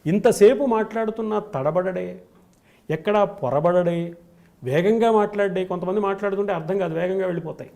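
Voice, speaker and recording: A man's voice: sits high, a little fast, vocal fry, darkish tone. A man, a spiritual scholar, giving a devotional discourse on scripture, stressing points in rhythmic lists. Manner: emphatic, rhythmic lists of qualities.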